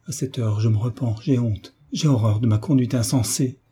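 Proud noble mother begging forgiveness, read by a man, husky and mellow. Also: mid-range voice, moderate pace. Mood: pleading. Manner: pleading, emotional. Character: proud noblewoman, middle-aged mother, remorseful.

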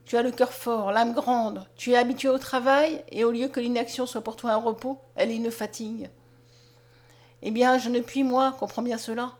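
A woman reading the part of a gentle, sorrowful blind young peasant man in an audiobook, speaking softly and low. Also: fairly even intonation, moderate pace, natural voice. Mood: tender. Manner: soft, low and tender.

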